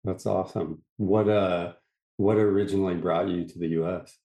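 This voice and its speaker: A deep-voiced man with a gravelly edge hosts a podcast interview. He asks his guest questions in a casual, friendly way. His voice sits low and rough. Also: steady tone, normal speed, reverberant. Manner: scripted intro read over music, then casual questions. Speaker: podcast host. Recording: intro read over loud guitar music.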